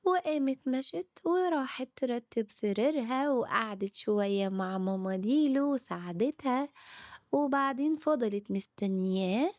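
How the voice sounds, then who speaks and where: Expressive woman telling bedtime stories. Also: sits high, no echo, studio quality. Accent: Egyptian Arabic. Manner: warm addressing of children, expressive. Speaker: children's storyteller. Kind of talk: bedtime story narration.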